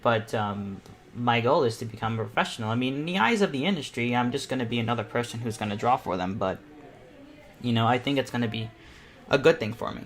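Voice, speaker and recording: Hosting an online art panel, this teen or young adult man talks casually and thinks out loud as he draws. He speaks fast in an expressive mid-range voice, and the room ambience and background noise come through clearly.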